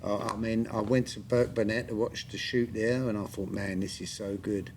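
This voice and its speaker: This man in his sixties hosts a podcast, chatting casually with friends and often stammering his way into sentences. His voice is fairly low and darkish, with fairly even intonation and a normal speed, and there's a little hiss or hum on the recording.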